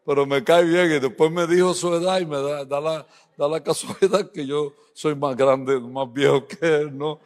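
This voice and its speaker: A middle-aged man preaching a lighthearted sermon, telling funny stories with playful asides to the congregation. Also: on the high side. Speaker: guest preacher. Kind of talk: humorous sermon in a church service. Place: church sanctuary. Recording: long hall reverb.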